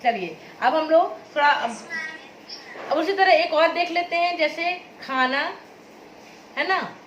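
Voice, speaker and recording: A woman teacher explains a grammar lesson slowly and patiently. Her voice is high and lively, rising and falling as she repeats words and asks if it is clear. The room is echoey with faint background ambience. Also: dull audio, slight background noise. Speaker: school teacher. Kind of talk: classroom Hindi grammar lesson.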